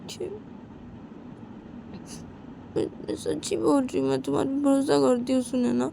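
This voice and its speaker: A woman's voice: high voice, steady tone, moderate pace, gravelly, noisy background, voice pushed up. A woman voicing an anxious young woman who pleads insistently to be believed. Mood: pleading.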